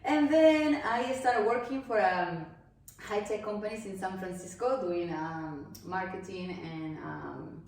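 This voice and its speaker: A woman's voice: mid-range voice, measured pace, darkish tone, slight background noise. A woman from Peru speaking English, a guest in a casual interview, upbeat and friendly. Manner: upbeat, friendly, slightly non-native phrasing. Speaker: guest, event planner. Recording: echoey room, mic at a distance.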